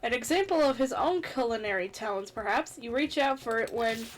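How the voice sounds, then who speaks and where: A woman reading a story game's text aloud in a theatrical, expressive way, with casual commentary as a gaming host. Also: a little high, brisk, low-quality recording.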